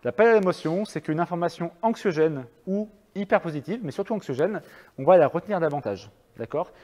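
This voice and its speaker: In a lecture with audience questions, a French man speaks briskly in a rather high, animated, slightly mellow voice. He comes across as chatty and hesitant, often using fillers and restarting sentences, while the hall's long reverb lingers behind him.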